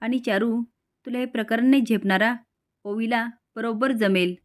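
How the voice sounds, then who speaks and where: A woman's voice: fairly high pitch, steady tone, moderate pace, natural voice. A woman narrator voicing an anxious mother who scolds and fusses over her son in a storytelling recap. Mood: fussing. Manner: fussing, scolding.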